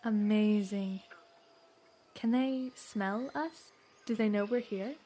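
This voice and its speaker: An actress in a western audio drama plays a refined, bookish young lady who is earnestly enthusiastic and speaks with formal, florid diction. She sounds awed, her mid-range voice slow and mellow.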